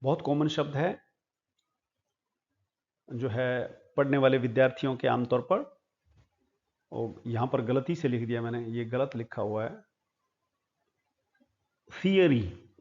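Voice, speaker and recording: A man from India, teaching English pronunciation in a slow lesson and repeating each word several times. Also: medium pitch, darkish tone, lo-fi sound.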